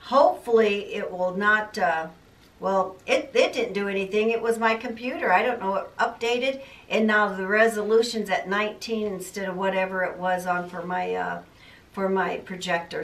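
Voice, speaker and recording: A woman's voice: mid-range voice, moderate pace, fairly bright tone. An older woman vlogging casually about her sewing plans, chatty and rambling, in a cluttered home sewing room. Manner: chatty, rambling, self-deprecating. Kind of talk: casual chat to camera. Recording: roomy, mic at a distance.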